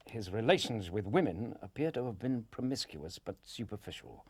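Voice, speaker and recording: Doctor Watson, an earnest, husky gentleman. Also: lowish voice, lively intonation, normal speed. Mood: earnest, dry. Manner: polite, earnest. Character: courteous, concerned, steady gentleman doctor, detective's companion. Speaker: actor in an audio drama. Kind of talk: dramatised detective radio play.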